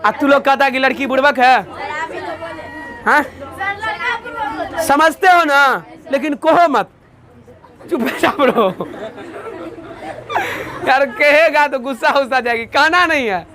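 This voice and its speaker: A man's voice: very high-pitched, slow, pauses often, crowd noise. A man teaching a class, drilling lists by call-and-response and joking with students. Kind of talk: classroom lecture with memory tricks.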